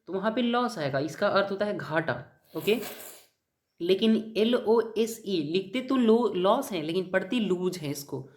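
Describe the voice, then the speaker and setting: A man's voice: high-pitched, expressive, measured pace. Man quizzing students through a vocabulary lesson. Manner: asks the class a question, then answers it himself; mixes in English words and spells them out letter by letter. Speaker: English teacher. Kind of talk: exam-prep vocabulary lesson.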